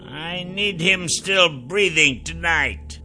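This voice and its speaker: A man voicing a sly, scheming male captor with a smooth, mocking manner in an audiobook. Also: on the high side, takes it slowly, sharp tone, faint music behind, voice pushed up, heavily acted.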